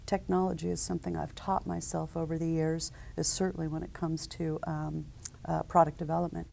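With a flat delivery and a low, dark voice edged with vocal fry, a woman in her forties who founded a company answers interview questions at a conference set. She's measured and businesslike but uses ums and uhs often, and her lapel mic picks up a little hiss or hum.

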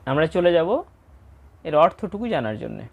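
A woman teaching scripture pronunciation, patiently breaking words into syllables and chanting verses slowly. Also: deep voice, very animated, gravelly, husky, phone-quality sound. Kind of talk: explanatory lesson with slow recitation.

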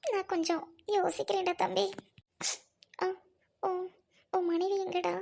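A woman playing a gentle, grieving widowed elder sister who speaks softly and pleads with her younger brother. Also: very high-pitched, level tone, a little slow, gravelly, heavily acted. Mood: worried.

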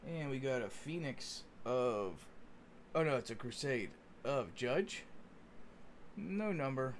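A man's voice: medium pitch, animated, slow, a little hiss or hum. A man hosting a sports card break, giving casual running commentary in a chatty, folksy way, as if talking to friends. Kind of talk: casual running commentary while opening cards. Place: indoors at a card-covered table.

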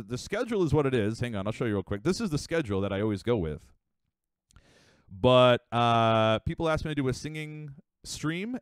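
A young man chatting casually on a live stream, rambling with fillers and quick asides. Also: medium pitch, clear, resonant tone, no echo, studio quality. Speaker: livestreamer.

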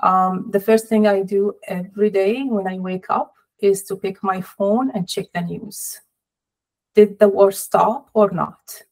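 Measured, sorrowful woman on a video call. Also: medium pitch, fairly even intonation, a little mellow, rough recording. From Palestinian, family in Jordan. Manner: measured, sorrowful, deliberate pauses. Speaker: interview guest, professor. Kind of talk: personal interview. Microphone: laptop or webcam on video call.

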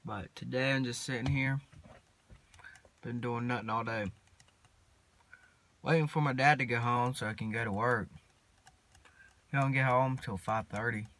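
A teenage boy, rambling casually to his phone camera from inside a parked truck, mumbling in a laid-back drawl with long pauses. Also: medium pitch, steady tone, a bit bright. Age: teens. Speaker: vlogger. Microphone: phone camera at arm's length.

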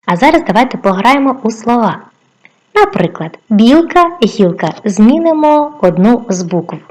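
A woman teaching a video lesson to young children, encouraging and lively, with a sing-song way of asking questions. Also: fairly high pitch, moderate pace. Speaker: primary school teacher.

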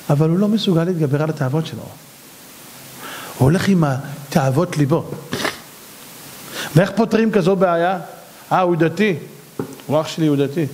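A man, a rabbi, preaching a sermon, telling stories in an animated way and acting out the voices of the people in them. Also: on the high side.

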